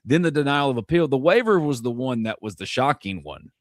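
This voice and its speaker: With a mid-range, animated voice and a brisk delivery, this North Mississippi host rambles through casual live sports talk on his podcast, poking fun at himself and cracking jokes. The audio is studio-clean with no room sound.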